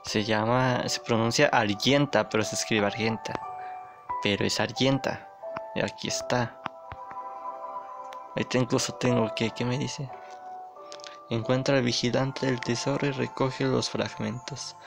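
A man talks his way through a video game in a relaxed, unhurried way, teasing enemies and reading their lines aloud. His voice has a gravelly, fry-touched edge. Game music plays clearly beneath him. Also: mid-range voice. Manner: playful, boastful, reads game dialogue aloud. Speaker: gamer. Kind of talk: casual gameplay commentary.

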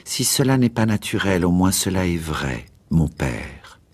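Man doing young noblewoman, cold, low-voiced and firm, husky, radio reading. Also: very animated, a little slow, heavily acted. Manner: quiet, cool and firm.

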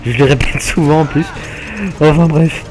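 A man casually commenting on his own gameplay, hesitant with many filler pauses and a laid-back, jokey manner. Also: fairly high pitch, a little mellow, faint music behind. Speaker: gaming channel host. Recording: game gunfire noise underneath. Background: video game gunfire.

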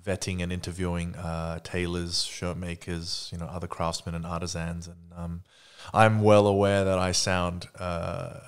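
Low, flat-voiced Australian man. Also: smooth. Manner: talkative, measured, lots of fillers. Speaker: podcast guest. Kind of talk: casual podcast conversation.

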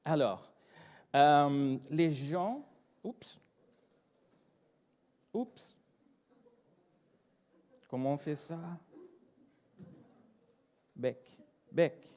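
A Brazilian agile trainer and consultant gives a slow conference talk to a live audience in a conference room, his voice on the high side and a little mellow. He speaks with a Brazilian Portuguese accent and jokes, but sounds hesitant, with many fillers and restarts.

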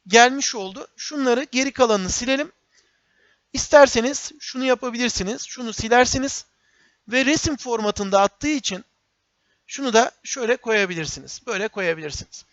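A man teaching a software tutorial step by step, often repeating phrases and speaking to viewers as friends. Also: very high-pitched, dry recording. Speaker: instructor. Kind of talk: screen-recorded software tutorial. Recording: dull, dry lo-fi recording.

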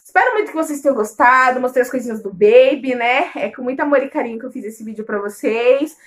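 A woman's voice: high voice, fast. A pregnant young woman vlogging in a casual, affectionate, chatty way, often calling her viewers loves. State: late pregnancy. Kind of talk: casual chat.

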